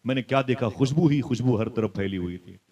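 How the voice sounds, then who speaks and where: A man preaching a fiery religious sermon who tells a story dramatically, swinging from soft asides to loud, high exclaims and questioning his listeners directly. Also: fairly quick, lo-fi sound.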